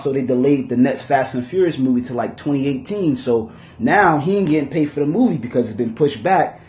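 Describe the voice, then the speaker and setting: A man hosting a podcast in casual chat, telling stories in animated street slang and swearing freely. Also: medium pitch, roomy sound. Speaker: podcast host.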